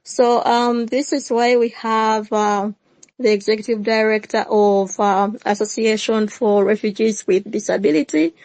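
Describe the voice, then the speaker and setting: A woman's voice: mid-range voice, darkish tone, no echo, low-quality recording. A woman hosting a panel discussion, reading a formal introduction. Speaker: host, moderator.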